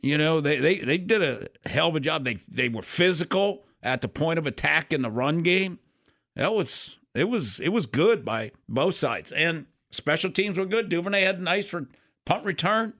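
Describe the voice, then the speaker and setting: A man's voice: fairly high pitch, expressive, moderate pace, fairly bright tone. A man co-hosting sports radio, giving casual football analysis in an emphatic, repetitive, conversational way.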